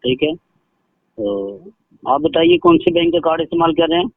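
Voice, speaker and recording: A man speaks over a tinny phone line. His voice is gravelly and slightly high, and it swings widely in pitch. He pushes on insistently, repeating short affirmations as he poses as a bank caller. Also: very animated, moderate pace, dry recording. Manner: smooth, insistent, repeats "ji ji" to keep the caller going. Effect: heard over a phone line. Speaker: scam caller posing as a bank officer. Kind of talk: phone call. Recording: tinny phone call recording.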